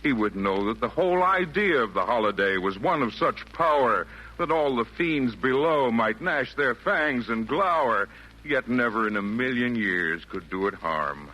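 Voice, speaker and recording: Animated old Santa Claus in vintage radio. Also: male voice, medium pitch, slightly rough, exaggerated voice. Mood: stern, lofty. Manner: eloquent, measured, theatrical rhymed delivery. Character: Santa Claus, jolly yet firm, wise old man. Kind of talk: 1940s radio acting in rhymed verse. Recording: noisy vintage 1940s radio broadcast.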